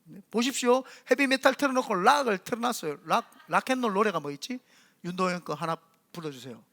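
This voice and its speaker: A middle-aged male pastor preaching. His voice sits high for a man and has a gravelly edge that gets noticeably rough in places. He tells his stories vividly and acts out the voices himself. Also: a little fast. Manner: animated storytelling, acting out voices in quotes. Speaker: senior pastor. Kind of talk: sermon.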